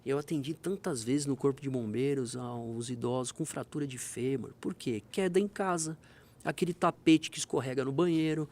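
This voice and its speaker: A man who is a fire brigade major, being interviewed and telling emergency stories, acting out the dialogue vividly. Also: medium pitch. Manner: animated storyteller, acts out dialogue. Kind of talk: conversational interview, storytelling.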